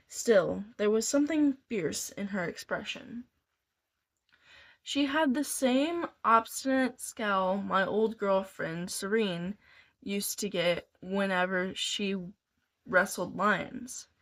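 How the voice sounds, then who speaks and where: A woman reading a novel aloud in a deliberate way, sometimes restarting a phrase. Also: mid-range voice. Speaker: reader.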